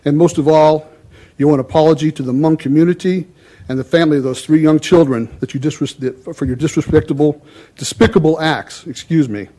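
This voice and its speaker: A man's voice: on the high side, a little fast, mellow. A man giving a formal public comment at a council meeting in a stern, indignant, accusatory way.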